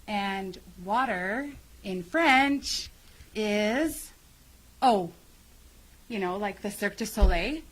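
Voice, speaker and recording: A woman's voice: medium pitch, expressive, slow, rough recording. A woman who works as a substitute teacher, chatting casually on a video call with a jokey, giggly, self-mocking manner. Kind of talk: casual chat.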